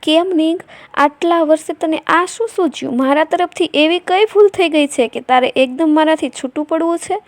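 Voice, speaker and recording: A woman's voice: sits high, normal speed, darkish tone, no echo. A woman voicing a devoted, heartbroken middle-aged wife who pleads with her husband. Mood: tearful pleading.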